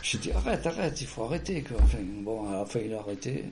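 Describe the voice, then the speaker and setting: Man with a warm, mellow voice telling a story. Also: mid-range voice, big pitch swings, fast, a little hiss or hum. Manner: rambling, with frequent restarts and fillers. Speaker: interviewee. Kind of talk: casual personal storytelling.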